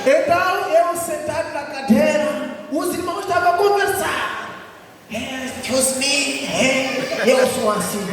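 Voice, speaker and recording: High-voiced Mozambican preacher in echoey hall. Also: male voice, unhurried, noisy background. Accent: Mozambican Portuguese. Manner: animated storytelling with laughter and exclamations. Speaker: visiting missionary preacher. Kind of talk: sermon testimony. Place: large echoey church hall. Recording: echoey hall, distant mic.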